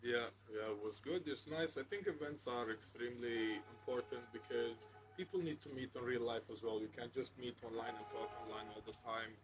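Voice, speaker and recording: A man speaking as a podcast guest, calm and plain-spoken. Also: medium pitch, fairly quick, rough recording. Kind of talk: casual chat.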